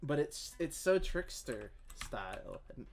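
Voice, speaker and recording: Unhurried and mid-range, a Southern-accented man from the Southern United States streams gameplay, rambling and joking at his own expense, with sudden excited squeals. A little hiss or hum sits on the recording, along with clear keyboard typing and clicks.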